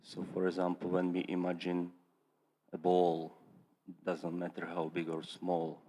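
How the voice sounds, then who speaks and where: A man's voice: sits low, monotone, measured pace, dark tone. A man asking a question as a student at a teaching, hesitant and searching for words. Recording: long hall reverb.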